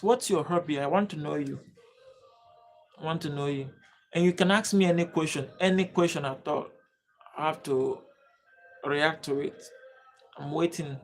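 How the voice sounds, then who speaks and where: A man from Nigeria hosts a live-streamed class, repeatedly pleading for viewers to comment and subscribe. He talks at a measured pace with frequent pauses, in a fairly high voice with fairly even intonation.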